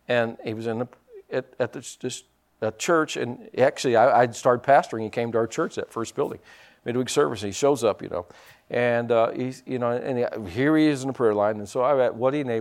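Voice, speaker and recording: A middle-aged man preaching a sermon as pastor, fervent and halting, repeating words and building to loud emphatic peaks. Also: medium pitch.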